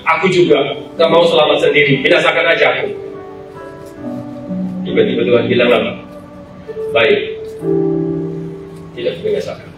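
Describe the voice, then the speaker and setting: A male pastor preaching a sermon, retelling it dramatically and emotionally with sharp swings in pitch. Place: large church hall. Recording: very echoey church hall, voice from far off, live music behind. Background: musical instrument playing.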